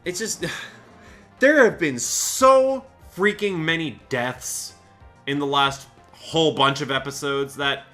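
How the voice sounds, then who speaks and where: A man's voice: on the high side, sharp tone. A man giving chatty gameplay commentary as a Let's Play host, thinking aloud and often laughing.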